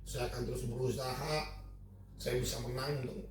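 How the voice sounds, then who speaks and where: A man's voice: medium pitch, fairly even intonation, fairly quick, recorded from a distance, a crowd in the background. A middle-aged man tells a personal testimony to his church group in a casual, emotional way, often repeating and restarting his phrases. His voice bounces around a very echoey room. He sits some way back from the mic. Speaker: church small-group member sharing testimony.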